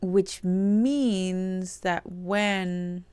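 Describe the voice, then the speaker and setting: A young adult woman streaming a puzzle game, murmuring her thoughts aloud and cooing softly to her cat between moves. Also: on the low side, steady tone, very slow, smooth, no echo. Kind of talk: casual gameplay chat.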